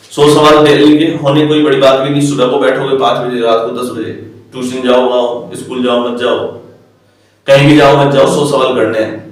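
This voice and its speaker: Man, maths teacher, talks to students as "beta", dictates slowly, very echoey room, distant mic. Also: medium pitch. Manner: addresses students as "beta", slows right down to dictate formulas. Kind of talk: blackboard lesson, coaching tone.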